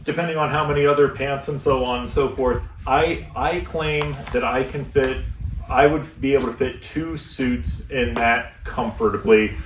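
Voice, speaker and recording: An American man, a luggage store instructor, giving a relaxed, chatty packing seminar to a live audience in a shop. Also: mid-range voice, normal speed. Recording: echoey room, mic at a distance, faint noise.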